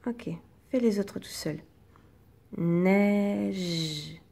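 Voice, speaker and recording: A woman teacher slowly and patiently guides young children through reading exercises, sounding out every syllable. Her mid-range voice is gravelly, husky, and dark in tone.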